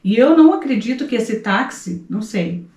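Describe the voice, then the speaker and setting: A woman's voice: on the high side, expressive, normal speed, a little mellow. A woman with a Brazilian Portuguese accent chatting casually, making her point emphatically and repeating it. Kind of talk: casual chat. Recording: echoey room.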